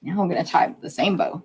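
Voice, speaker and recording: Husky, gravelly woman teaching crafts. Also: on the low side, a little mellow. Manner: chatty, hands-on explaining while working. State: losing her voice. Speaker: card-making instructor. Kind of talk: live craft demonstration.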